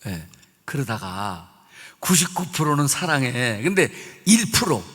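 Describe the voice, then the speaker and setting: A man's voice: mid-range voice, sing-song, takes it slowly, fairly bright tone, breathy edge. A pastor preaching a revival sermon. He is emphatic and repeats himself, putting questions to the congregation. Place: church sanctuary. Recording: reverberant church sanctuary.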